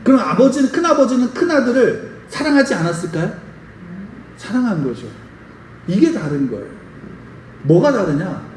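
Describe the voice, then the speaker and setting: A pastor preaching a sermon and telling a story, often putting questions to the congregation. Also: male voice, sits high, very animated, moderate pace, long pauses, a little mellow, a little hiss or hum. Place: church sanctuary. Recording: roomy church sound from a distant mic.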